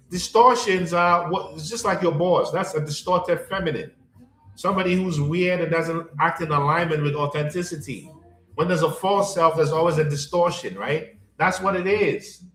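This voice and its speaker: A man coaching a live audience in a slow, emphatic spiritual pep talk, repeating himself often and checking in with "you understand?". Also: on the high side, bright, forceful tone. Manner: repetitive, keeps asking "you understand?" and greets viewers by name. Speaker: life coach hosting a livestream. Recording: echoey room with faint music.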